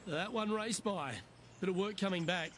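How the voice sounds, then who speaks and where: A man's voice: high voice, normal speed, a bit bright, a little hiss or hum. A man playing the lead golf commentator in a video game, calling each shot in short running updates over outdoor ambience. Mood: composed, observant.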